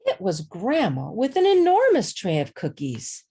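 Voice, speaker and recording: Slow, animated woman reading to children. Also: mid-range voice, husky. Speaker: storybook reader. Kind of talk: expressive read-aloud for children.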